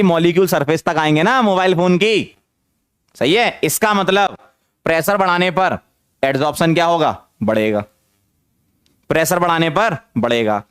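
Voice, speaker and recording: Man, chemistry teacher, slightly high voice, energetic, repeats himself, dry close sound. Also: clean tone, dry recording. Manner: energetic, coaxing questions, repeats phrases; mixes English terms into speech. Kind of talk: online chemistry lecture.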